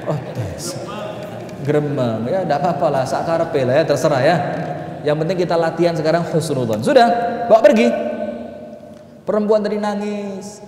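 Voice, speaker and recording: A man's voice: on the high side, moderate pace, pauses often. A man with a Javanese accent preaching a story-filled sermon, adding sound effects and quizzing his listeners. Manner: lively storytelling with sound effects and questions to the audience. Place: mosque. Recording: echoey mosque hall.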